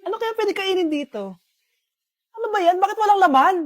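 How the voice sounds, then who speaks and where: A woman voicing a brash, freeloading young woman who is loud and bossy in a comedy skit. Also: very high-pitched, animated, fairly quick, pitched above the performer's own voice.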